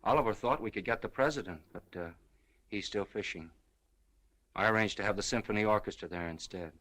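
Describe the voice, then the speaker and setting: An actor playing an earnest, smitten newspaperman, halting and tender, in 1930s screwball comedy film banter. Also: on the low side, fairly bright tone. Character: earnest, smitten newspaperman, awkwardly gentle and solemn.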